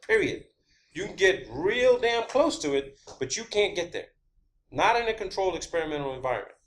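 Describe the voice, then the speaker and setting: A man with a voice on the high side hosts his own video channel. He talks off the cuff in an emphatic, explanatory monologue, repeating phrases for stress.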